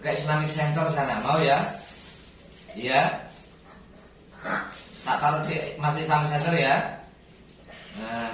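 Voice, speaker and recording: A man's voice: mid-range voice, fairly bright tone, slight background noise. Man chanting in echoey room. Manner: commanding and coaxing, addressing an unseen spirit. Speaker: ruqyah healer. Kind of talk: spiritual healing session, chanting verses. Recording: very echoey room, distant mic.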